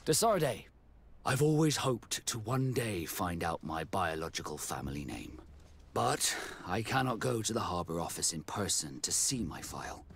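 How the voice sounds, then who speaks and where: A man playing an earnest, discreet naval captain with a measured delivery in a video game cutscene. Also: low-pitched, big pitch swings, a bit bright, slightly rough, heavily acted. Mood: earnest, guarded. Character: naval captain, Vasco, earnest man seeking his origins.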